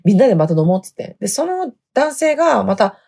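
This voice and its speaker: Woman rambling on her podcast, husky voice, swings up and down a lot. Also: mid-range voice, very animated, quick pace, a little mellow. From Hokkaido. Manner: chatty, laughs often, dialect sentence endings. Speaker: podcast host. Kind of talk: casual storytelling chat.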